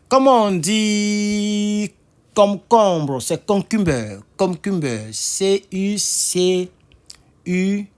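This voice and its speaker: A man teaching English vocabulary in a casual spoken lesson, spelling words out letter by letter and talking straight to his viewers. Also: medium pitch. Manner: spells words out letter by letter, repeats them slowly; chatty, talks to viewers directly.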